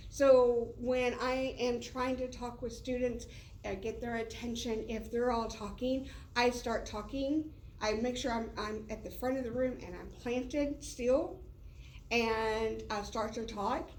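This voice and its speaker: In a meeting room, a woman teacher gives a casual professional development talk to colleagues, chatty and heavy on fillers. Her fairly high voice is steady, a little slow, and darkish in tone, and it's heard from a distance with roomy echo and slight background noise.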